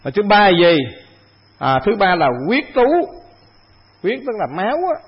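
A man's voice: sits high, big pitch swings, a little slow, breathy edge, lo-fi sound. A man, a Buddhist monk, giving a conversational dharma talk to an assembly, asking himself questions and repeating phrases.

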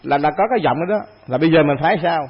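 A man's voice: fairly high pitch, animated, very fast, breathy edge, highs cut off. A man, a Buddhist monk, giving a conversational dharma talk to an assembly, asking himself questions and repeating phrases.

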